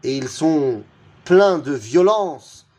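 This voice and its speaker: A man's voice: fairly high pitch, expressive, slow, dark tone. A man teaching a Torah lesson. He chants Hebrew verses and answers his own rhetorical questions. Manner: chants Hebrew verses between French explanation. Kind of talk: religious lesson.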